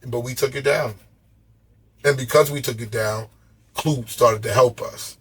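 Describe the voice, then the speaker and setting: A man talks through his stories as a guest on an interview show, relaxed and full of street slang and swearing. His voice is husky and raspy, and he trips over words and repeats himself as he goes. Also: mid-range voice, measured pace. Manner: loose, profane, animated storytelling with slangy street talk. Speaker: podcast guest. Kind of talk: casual storytelling interview.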